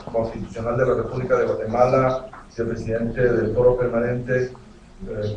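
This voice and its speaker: Male meeting chair, monotone, ceremonious, dull distant sound, echoey hall. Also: medium pitch, noisy background. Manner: ceremonious, flat delivery. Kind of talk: formal moderation.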